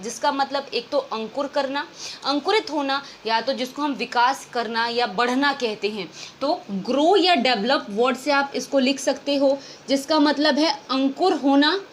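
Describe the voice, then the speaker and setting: High-voiced woman teaching vocabulary in Hindi. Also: fairly bright tone, a little hiss or hum. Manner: explains in Hindi mixed with English, often asks and answers her own questions. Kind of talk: exam-prep vocabulary lesson.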